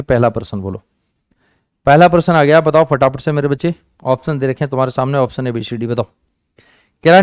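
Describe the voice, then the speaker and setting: A man's voice: on the high side, a little mellow, clear, resonant tone, no echo, clean studio sound. Coaxing man teaching an exam-prep class. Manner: coaxing, repeats questions and answers, calls students "beta" and "dost". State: sore hand, says it hurts.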